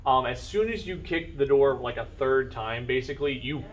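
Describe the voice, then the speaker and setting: A man improvising narration as game master of a tabletop fantasy game, in an informal, halting way as he pieces descriptions together. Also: medium pitch, a little hiss or hum.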